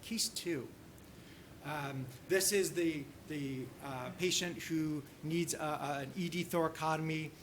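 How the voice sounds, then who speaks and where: A man leads a conference teaching session, thinking aloud through a case with frequent restarts and fillers. His voice sits a little on the high side for a man. A faint hiss of noise runs under the speech. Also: steady tone, a bit bright. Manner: halting, heavy use of "you know" and restarts. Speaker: workshop presenter.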